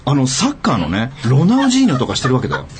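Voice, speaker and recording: Talking very fast in a mid-range voice, a man spins a long story as a guest on a casual radio chat show. He performs the quoted lines with animated flair.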